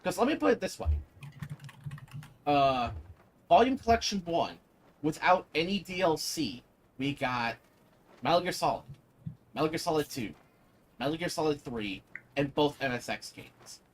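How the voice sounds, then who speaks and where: A man's voice: fairly high pitch, very animated, normal speed, pauses often, a little hiss or hum. A man giving casual, opinionated commentary while gaming, speaking emphatically and swearing freely. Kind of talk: casual chat over gameplay.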